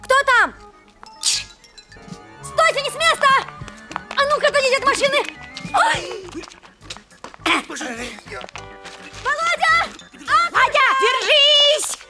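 Frantic female patroller, shrill and piercing, swooping pitch, film soundtrack with music. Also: big pitch swings, slow pace, long pauses, bright, forceful tone, full character voice. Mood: frantic, urgent. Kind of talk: comedy film dialogue.

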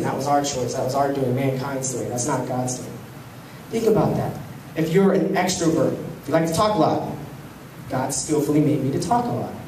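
A young man preaching a sermon on a handheld mic, animated, swinging from loud to hushed. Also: on the high side. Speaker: pastor. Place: large church hall with stage. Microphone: handheld mic, filmed from the pews. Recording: echoey hall, far camera, faint hum.

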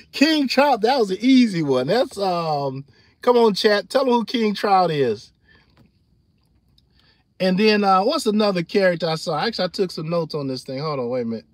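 A middle-aged man, talking loosely to his livestream audience with a high voice. He gets loud and animated and laughs often. The sound is dry and close. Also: normal speed, long pauses, no echo. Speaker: livestream host. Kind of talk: casual livestream chat.

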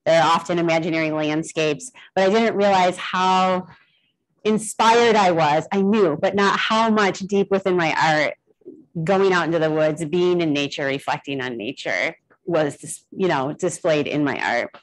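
A woman's voice: low-pitched, normal speed, low-quality recording. Young woman, guest artist, loose and rambling talk to a live gallery crowd. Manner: chatty and rambling, with many fillers. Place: gallery event in front of an audience.

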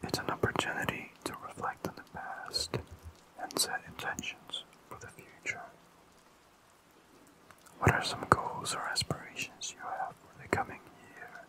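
An ASMR host rambling calmly in a fully unvoiced, slow and soothing whisper. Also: low-quality recording.

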